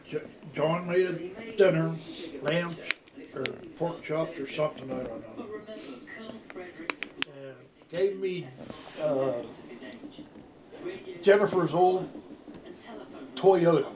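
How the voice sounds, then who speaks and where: An older man with a folksy grandpa voice, pitched a little high for a man. He reminisces casually and ramblingly, with salty language, in a room with other voices clearly behind him. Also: slow, pauses often, a crowd in the background, rough recording. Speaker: grandfather telling family stories. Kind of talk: casual anecdotal storytelling.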